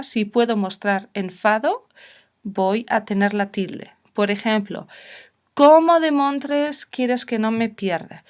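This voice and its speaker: A woman teaching a recorded grammar lesson, explaining patiently and giving example sentences. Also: fairly high pitch. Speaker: Spanish teacher.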